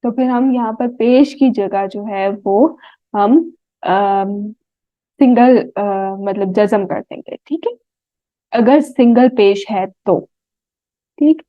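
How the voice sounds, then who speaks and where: A woman with a Pakistani Urdu accent teaching a tajweed lesson, sounding out Arabic words slowly and often checking "right?" with her students. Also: mid-range voice, dry recording. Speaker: Quran recitation teacher. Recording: tinny phone-like dry audio.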